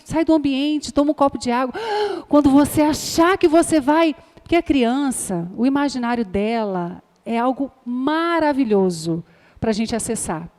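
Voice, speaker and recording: High-voiced woman teaching in an echoey room. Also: expressive, moderate pace, darkish tone. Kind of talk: classroom lecture.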